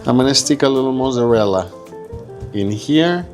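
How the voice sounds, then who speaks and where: Guitar music accompanies this Egyptian home cook as he chats his way through a cooking demo in the kitchen, improvising and checking in with his audience. His medium-pitched voice has lively intonation and a moderate pace.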